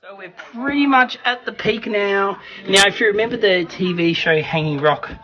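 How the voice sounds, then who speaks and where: A man's voice: sits high, normal speed, lo-fi sound. Chatty man vlogging outdoors. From Australia. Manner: chatty, excitable, breathless on the climb. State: out of breath. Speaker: travel vlogger. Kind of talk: casual travel vlog. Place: outdoors on a rocky hill. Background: music.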